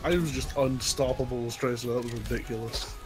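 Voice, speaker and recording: A man talks through his own plays, and his comments are self-deprecating. His voice sits at a middle pitch. Game music plays clearly behind him. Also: fairly even intonation, brisk. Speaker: player. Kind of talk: casual gaming chat.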